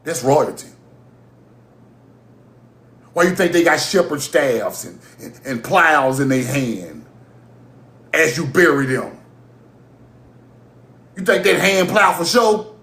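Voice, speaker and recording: A high-voiced man from Mississippi hosts a livestream, delivering a heated, profane, animated rant punctuated by laughter. He speaks slowly with long pauses, and the room is echoey.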